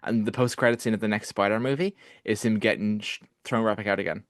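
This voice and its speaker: A man co-hosting a film podcast, arguing his take in animated casual chat full of restarts and fillers. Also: fairly low pitch, quick pace, dry recording, studio quality. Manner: animated, argumentative, lots of restarts and "like". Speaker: podcast co-host.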